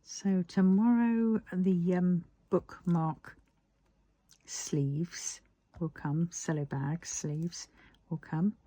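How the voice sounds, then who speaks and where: A British woman chatting casually while crafting, musing half to herself in a husky, breathy voice. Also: on the low side, fairly even intonation, very slow, mellow, no room sound.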